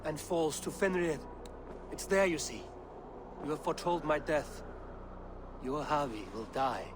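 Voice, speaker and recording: An actor playing a commanding Norse high god in a video game, grave and imperious, with dramatic delivery. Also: male voice, a little slow, background noise, natural voice. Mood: brooding, defiant. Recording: music under the voice.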